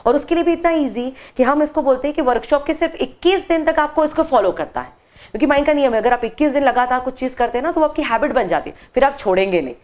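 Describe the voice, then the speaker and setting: A woman's voice: sits high, fast. A woman trainer speaking in a studio TV interview, explaining her workshops and telling a story expressively, voicing the characters in it. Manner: expressive, acts out quoted voices while telling a story. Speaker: meditation workshop trainer, guest.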